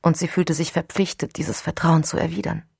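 A woman reading an audiobook as narrator, in an even, unhurried scripted narration. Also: low-pitched, gravelly, breathy edge, dry recording, clean studio sound.

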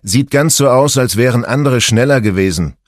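A man voicing a relaxed, easygoing husband in his forties in an audiobook, speaking up as if over noise. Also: mid-range voice, normal speed, no echo, studio quality, pitched above the performer's own voice, close to an everyday voice. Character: relaxed husband, man, 40s, stuck in a crowd.

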